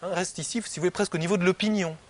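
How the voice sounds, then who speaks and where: A man's voice: high-pitched, steady tone, very fast. A man giving a philosophy lecture in an easygoing, conversational way, often checking in with his listeners as he explains. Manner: conversational, peppered with "hein" and "vous voyez". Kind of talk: classroom lecture.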